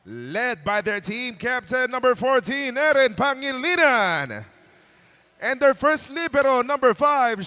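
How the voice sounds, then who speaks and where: A man announcing teams and players at a volleyball match in emphatic, drawn-out calls. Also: very high voice, pushed and bright, clear, resonant tone. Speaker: arena game announcer. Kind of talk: booming player introductions.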